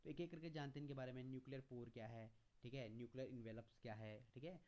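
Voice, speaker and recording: A male teacher giving a classroom lecture in a question-and-answer style, calling students "beta" and reading English notes out slowly between his explanations. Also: mid-range voice, steady tone, darkish tone. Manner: asks questions and answers them himself, calls students beta; mixes Hindi explanation with read-out English notes, slower on English.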